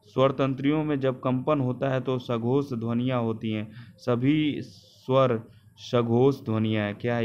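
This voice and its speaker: Slow, deliberate male grammar teacher. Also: mid-range voice, highs cut off. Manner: repeats key terms and asks the class rhetorical questions; self-correcting with "sorry". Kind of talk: grammar lecture.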